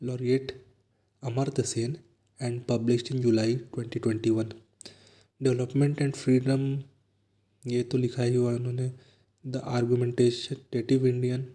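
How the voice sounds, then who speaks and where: Indian man, exam coach, dark mellow tone, monotone and unhurried delivery. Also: mid-range voice. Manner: reads questions slowly, then explains in fast asides. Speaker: exam prep teacher. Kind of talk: explaining exam answers.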